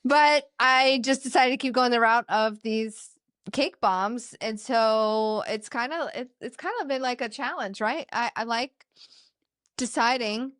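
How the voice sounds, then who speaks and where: A woman's voice: a little high, a little slow, a bit bright, smooth, no room sound. Candid, foul-mouthed woman guest, dry sound. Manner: candid, swears freely, laughs often. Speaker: guest, dessert business founder. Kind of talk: casual podcast chat.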